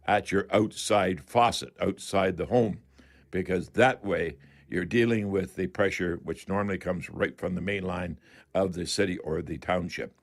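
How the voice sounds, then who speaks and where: An older man with a deep voice and a Canadian accent hosts a home improvement call-in radio show. His manner is chatty and folksy, and he speaks directly to his listeners.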